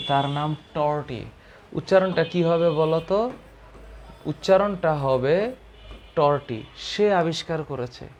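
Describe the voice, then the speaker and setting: Male biology teacher, slightly high pitch; patient, repetitive quiz-style explaining. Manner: explains slowly, repeats key terms, asks and answers own questions. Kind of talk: biology lesson to students.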